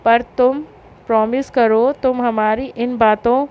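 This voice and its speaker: A woman's voice: fairly high pitch, fairly even intonation, takes it slowly, clean tone. A woman voicing a hurt young married woman who answers sharply and with irritation. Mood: firm. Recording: dull lo-fi recording.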